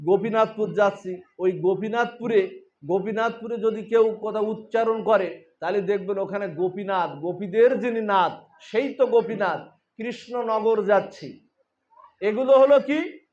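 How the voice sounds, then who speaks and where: High-voiced Bangladeshi preacher, muffled. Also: male voice, unhurried, darkish tone. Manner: sing-song storytelling with many repeated phrases and rhetorical questions. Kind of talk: devotional sermon. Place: religious gathering. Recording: muffled lo-fi sound.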